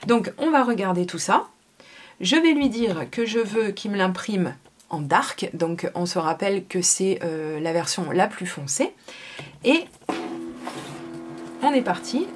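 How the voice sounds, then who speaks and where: A woman talks through a product demo at her craft table. She explains each step in a chatty, relaxed way, often pausing on fillers. Her voice sits at a middle pitch. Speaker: crafting video host.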